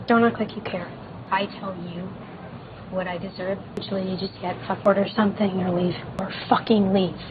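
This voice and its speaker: A woman's voice: medium pitch, steady tone, moderate pace, lightly acted. An actress playing a woman in a gritty crime film. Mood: bitter, hurt. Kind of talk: film acting. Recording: phone-like narrow film audio, noisy background.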